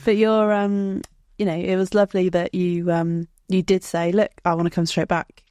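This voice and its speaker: A woman's voice: fairly low pitch, level tone, moderate pace, dark tone, no echo, clean studio sound. A woman chatting informally as co-host of a casual conversational podcast. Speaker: business co-owner and podcast co-host.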